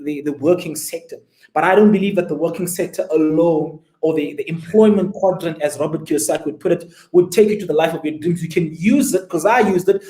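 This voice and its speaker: A man's voice: fairly high pitch, a little mellow, echoey room, rough recording. A man, telling his story as an interview guest and pressing listeners with rhetorical questions. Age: 20s. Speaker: guest entrepreneur.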